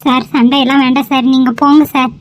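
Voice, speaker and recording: A woman's voice: high-pitched, flat delivery, quick pace, natural voice. A woman voicing a captive young woman who pleads and threatens her kidnappers, in a cartoon. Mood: urgent. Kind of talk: cartoon voice acting.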